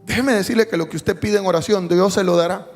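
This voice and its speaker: A male pastor preaching a sermon, telling a personal story with jokes and dropping to a hushed tone for emotional moments. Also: high voice, steady tone, quick pace. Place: church sanctuary. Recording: long hall reverb, faint music behind.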